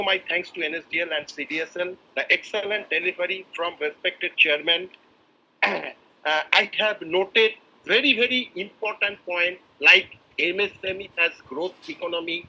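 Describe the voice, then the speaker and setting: A man's voice: fairly high pitch, bright, forceful tone, poor audio. A man from India, a shareholder, giving a formal and effusive prepared address over a video call, with hesitant fillers and restarts. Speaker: shareholder speaking at a company meeting.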